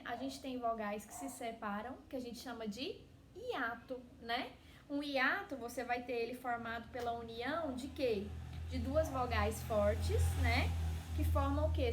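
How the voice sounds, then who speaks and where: A woman teaching a class in a chatty way, constantly tagging her sentences with a questioning "né", and drawing words out slowly when she spells them. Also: sits high, a bit bright. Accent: Brazilian Portuguese. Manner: chatty, constantly tags phrases with "né?". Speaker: Spanish teacher. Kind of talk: recorded online class. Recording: echoey room with faint noise.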